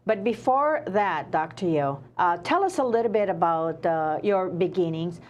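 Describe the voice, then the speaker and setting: A woman hosting a talk show, speaking hesitantly with frequent pauses as she interviews a guest. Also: on the low side, animated, a little hiss or hum. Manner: hesitant, many uh fillers, warm praise. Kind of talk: casual interview.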